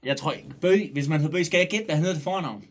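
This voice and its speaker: A man with a slightly high voice chats loosely on a live stream. He jokes, swears often, calls out viewers by name and is sometimes loud. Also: a little hiss or hum. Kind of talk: casual live-stream chat.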